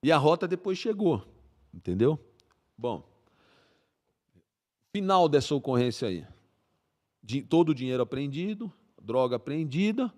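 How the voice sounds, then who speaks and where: A man's voice: on the high side, very animated, a little slow, long pauses, warm tone. A middle-aged man tells a story in a casual interview. He is a vivid storyteller who mimics gunshots and acts out the voices of the people in it. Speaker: police colonel guest.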